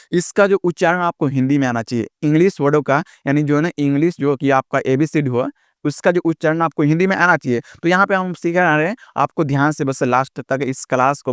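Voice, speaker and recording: A man teaching English letter sounds in an online lesson, repetitive and drawn-out as he keeps calling viewers his friends. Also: sits high, smooth, no room sound, studio quality. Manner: slow, drawn-out letter-by-letter explaining.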